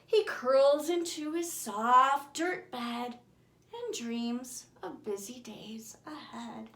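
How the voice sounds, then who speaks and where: In an echoing, roomy room, a woman reads aloud the rhyming bedtime picture book she wrote for children. Her performance is theatrical and expressive, dropping from booming to whispers, with slow, deliberate, rhythmic rhymes.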